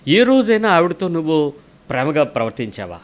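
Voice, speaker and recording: A man's voice: on the high side, sing-song, brisk. A man preaching a sermon, telling a story and quoting its people, pressing hard with questions aimed at the listener. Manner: tells a story and quotes the people in it.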